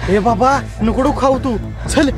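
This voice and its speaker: An actor playing a young village man who talks fast and brushes things off. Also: extremely high pitch, music in the background.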